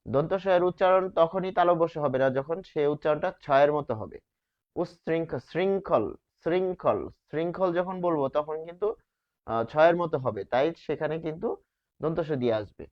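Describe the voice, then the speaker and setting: A man teaching a grammar lesson, posing rhetorical questions and answering them, stretching key words slowly. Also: fairly high pitch. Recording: dull lo-fi sound.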